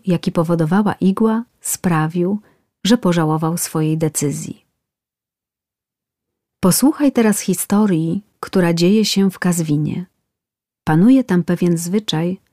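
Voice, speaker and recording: A woman narrates a rhyming tale in a calm, measured way. Her voice is fairly low and slow, and the recording is dry and close. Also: no room sound. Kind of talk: storytelling in verse.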